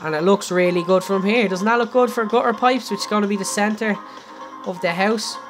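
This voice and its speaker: A man's voice: sits high, fairly quick. Chatty Irish young man streaming a game. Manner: chatty, laughs often, talks straight to viewers. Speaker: gaming live streamer. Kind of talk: casual live-stream building tutorial. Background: faint background music.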